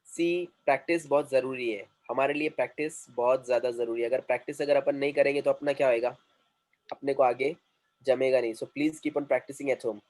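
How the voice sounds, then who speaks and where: Man teaching English phrases slowly. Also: mid-range voice, fairly even intonation, a little mellow, rough recording. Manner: explains slowly, repeating English phrases and translating them. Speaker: English communication trainer. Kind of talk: classroom teaching.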